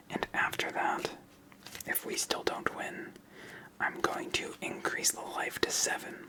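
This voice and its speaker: Poor audio captures a card game channel host delivering gentle, voiceless ASMR whispers as commentary.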